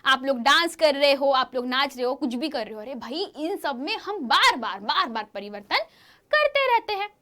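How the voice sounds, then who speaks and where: A woman teaching a science lesson to schoolchildren, with a lively, questioning manner, often asking the class to answer. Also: high-pitched, moderate pace. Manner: lively, questioning, addresses pupils as children.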